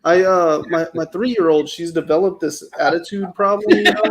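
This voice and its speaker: A young man hosting a relaxed video-call chat, with a slightly high voice for a man. He tells family stories and laughs easily between lines. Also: measured pace. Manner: laughs often, storytelling. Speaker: show host. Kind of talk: casual chat.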